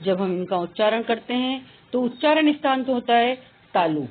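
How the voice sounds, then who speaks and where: A woman teaching a grammar lesson, speaking slowly and deliberately and drawing out each letter sound. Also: on the high side, animated. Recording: tinny phone-like sound.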